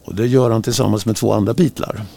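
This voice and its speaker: Man with a gravelly husky voice. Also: on the low side. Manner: relaxed storyteller reading music trivia. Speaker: radio co-host. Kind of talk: casual radio chat.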